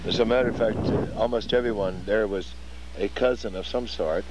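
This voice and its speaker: A man in his eighties from Iowa, giving a measured, articulate account of family gatherings in an oral history interview. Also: fairly low pitch, fairly even intonation, a little mellow, a little hiss or hum, rough recording. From Iowa, USA. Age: 80s. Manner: articulate, measured storytelling with fillers.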